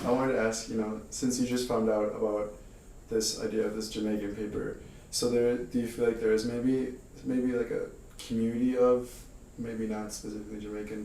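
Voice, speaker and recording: Hesitant low flat-voiced male interviewer. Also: gravelly, a little hiss or hum. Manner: hesitant, many fillers. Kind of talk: oral history interview. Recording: roomy, distant from the mic, faint ambience.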